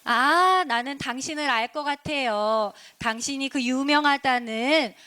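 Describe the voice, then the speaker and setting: A woman's voice: high voice, measured pace, bright, forceful tone. A woman voicing a polite, eager little fairy in a children's story, speaking in a coaxing way.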